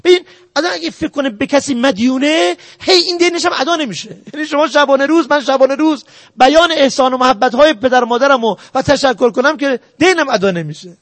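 A man's voice: very high-pitched, a bit bright, dry recording. A man giving a religious talk on family ethics, earnestly exhorting his listeners and laying out his points one by one. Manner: earnest, exhorting the audience directly. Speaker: religious lecturer.

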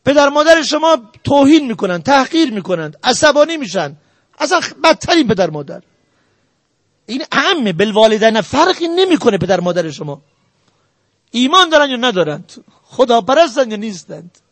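Brief: male preacher with a very high voice, earnest and exhortative, dry close sound. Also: sing-song, fairly bright tone, no room sound. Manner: earnest, exhorting the audience directly. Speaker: religious lecturer. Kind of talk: sermon on family ethics.

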